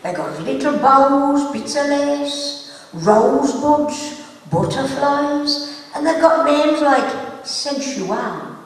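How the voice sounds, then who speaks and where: A woman's voice: sits high, lively intonation, slow pace. A woman telling gossipy comic stories on stage and laughing at her own jokes. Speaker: stand-up comic. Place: live stage show in a hall. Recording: echoey hall from far off.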